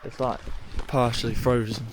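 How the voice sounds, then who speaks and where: Filming himself in his car and later in icy woods, a young male vlogger chats offhandedly to camera, his medium-pitched voice nasal from a cold. He speaks at a normal speed, keeps it relaxed, and drops "bloody" often, all over a noisy background.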